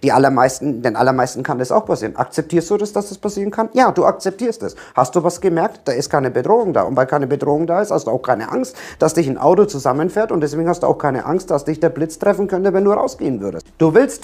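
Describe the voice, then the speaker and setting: A man's voice: fairly high pitch, animated, brisk, few pauses, darkish tone. A man giving a direct-to-camera coaching talk on anxiety, emphatic, repeating key words and firing rhetorical questions at the viewer.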